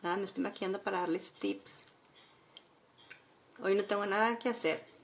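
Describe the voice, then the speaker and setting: Here a woman in her forties, Mexican accent, guides viewers through a casual at-home makeup tutorial in a chatty, instructional way, frequently adding checking tags. Her mid-range voice moves at a normal speed, and she's indoors in a room by a window.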